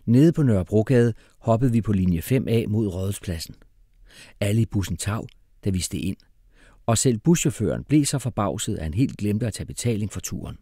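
A man reading a children's storybook aloud in a playful, lively way. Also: lowish voice, breathy edge, no echo, studio quality. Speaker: audiobook reader. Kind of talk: storybook narration.

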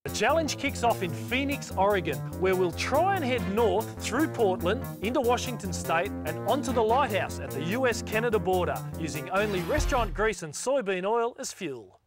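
A man's voice: high voice, expressive, normal speed, few pauses. An Australian man in his thirties hosting a road-trip travel show, chatty and enthusiastic, laughing often. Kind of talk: upbeat travel show presenting. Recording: loud background music.

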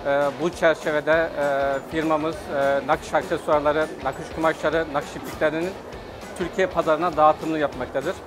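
A middle-aged man giving a trade fair testimonial at his company booth, speaking hesitantly with many filler pauses. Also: a little high, fairly even intonation, music in the background. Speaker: company representative.

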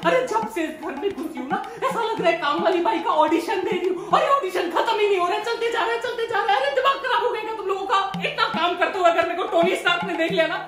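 एक महिला जो काम से परेशान माँ बनकर बेटे पर ताने मारते हुए लंबी शिकायत करती है।. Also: female voice, very high-pitched, fast talker, hardly any pauses. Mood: fed-up. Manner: long complaining rant, sarcastic. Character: overworked fed-up mother ranting at her son. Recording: echoey room with music behind.

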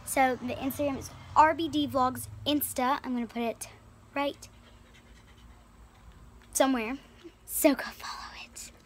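A female vlogger chats casually beside a small creek into a handheld camera, upbeat and rambling with plenty of fillers. Her voice sits high, with fairly even intonation, a measured pace, and long pauses.

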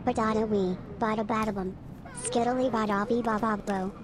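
A woman's voice: on the high side, moderate pace, background noise. Female text-to-speech robot voice. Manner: flat synthetic reading, scat syllables read out mechanically. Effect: text-to-speech robot voice reading viewer alerts.

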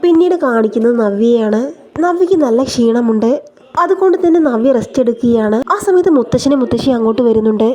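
A woman narrating a serial episode recap in a steady storytelling way. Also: fairly high pitch, fast.

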